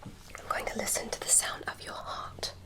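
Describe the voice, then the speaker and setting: Speaking in her natural voice, a female ASMR creator whispers breathily and slowly as a curious, courteous alien doctor examining a human. The close-mic medical roleplay feels curious and soothing, with soft, gentle instructions.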